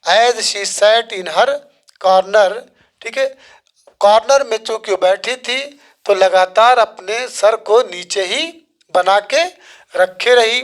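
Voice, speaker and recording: A teacher explaining an English story line by line, reading the text slowly and then retelling it in casual Hindi. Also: medium pitch.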